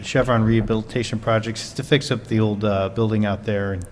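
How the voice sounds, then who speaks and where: A man serving as mayor chairs a city council meeting in a relaxed, joking way, with plenty of fillers. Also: fairly low pitch, brisk. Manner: relaxed, jokey, many fillers. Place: council chamber. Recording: long reverb in a council chamber, faint noise.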